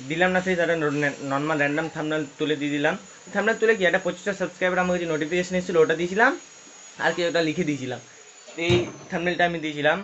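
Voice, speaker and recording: A man's voice: fairly high pitch, fairly bright tone, dull audio. A man chatting casually through his daily vlog, rambling and self-deprecating. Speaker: vlogger.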